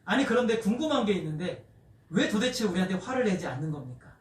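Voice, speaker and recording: A preacher voicing earnest questioning villagers. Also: male voice, sits high, very animated, quick pace. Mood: earnest, curious. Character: puzzled village men questioning a missionary. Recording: echoey church, distant mic.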